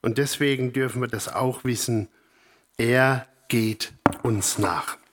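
A middle-aged man preaching a sermon, moving from emphatic points to hushed, whispered asides. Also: medium pitch, slow.

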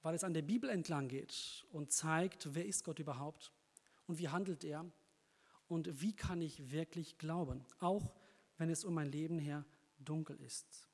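An earnest, encouraging preacher with a fairly high voice speaks directly to his listeners. His words echo with a long reverb in a church hall. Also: a little slow. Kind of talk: sermon.

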